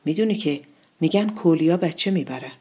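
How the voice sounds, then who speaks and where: A woman voicing a busy, protective mother with a husky voice, speaking firmly. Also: sits low, animated, a little mellow. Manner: firm, protective. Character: busy caring mother baking bread, middle-aged.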